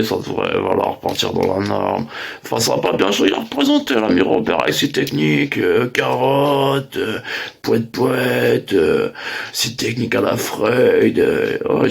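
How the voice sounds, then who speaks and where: A man with a deeply gravelly, husky voice rambles through a boastful comic monologue. He keeps tripping over fillers and restarts, and he brags at a middling pitch. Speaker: comic playing a crude braggart.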